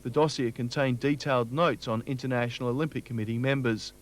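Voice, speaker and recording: A man's voice: medium pitch, steady tone, fast talker. A man with an Australian accent hosting a sports show, reading scripted sports news.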